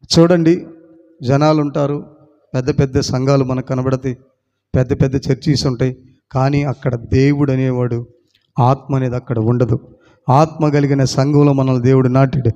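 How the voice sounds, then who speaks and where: A man's voice: medium pitch, steady tone, normal speed, long pauses, warm tone. A male pastor, preaching a sermon that tells a story and builds to fervent prayer. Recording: long hall reverb, dull lo-fi sound.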